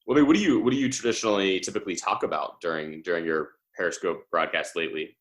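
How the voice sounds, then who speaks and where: A man hosts a podcast interview and asks loose, roundabout questions that restart as he goes. His voice sits fairly low. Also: quick pace. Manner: asks long, rambling questions, full of restarts. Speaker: podcast host. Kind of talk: interviewing a guest.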